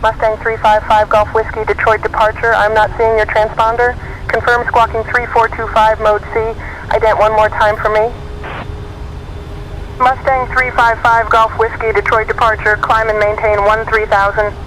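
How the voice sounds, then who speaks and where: A man's voice: high-pitched, monotone, normal speed. A man working as an air traffic controller, giving formulaic instructions over aviation radio. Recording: noisy aircraft radio with engine drone.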